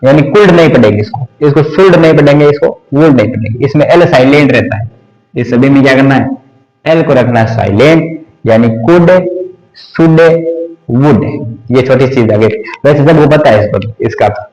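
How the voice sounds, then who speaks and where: A man teaching English grammar in Hindi, explaining slowly and repeating lists aloud while he writes. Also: mid-range voice, darkish tone, faint music behind. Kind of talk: classroom grammar lesson. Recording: echoey room.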